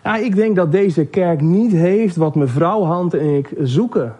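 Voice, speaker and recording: A man voicing a male hand, a churchgoer who is slow with his words and stammers as he explains why he is leaving. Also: high-pitched, sing-song, darkish tone, slightly rough, voice pushed up, full character voice. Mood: hesitant.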